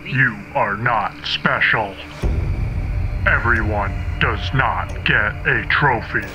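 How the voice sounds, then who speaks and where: A man voicing a menacing, mocking alien general in a silly parody redub, speaking with ominous deadpan pomposity through a broadcast effect with echoing repeats. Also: on the low side, muffled recording, music in the background. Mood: ominous, scornful. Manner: ominous, slow, deadpan delivery of absurd threats.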